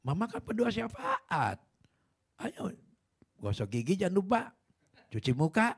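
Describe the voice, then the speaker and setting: A man voicing an excited middle-aged mother who brisk and bossy calls her daughter to wake up, in a sermon story. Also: high voice, gravelly, slightly rough, pitched above the performer's own voice, full character voice. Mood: brisk, cheerful.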